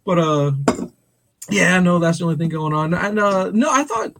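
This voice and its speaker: Chatting casually as a podcast co-host, this forty-something from St. Louis, USA tells meandering stories, breaks into frequent laughter, and performs the quoted dialogue. His voice is high, sing-song, creaky, and a bit bright, at normal speed, with slight background noise.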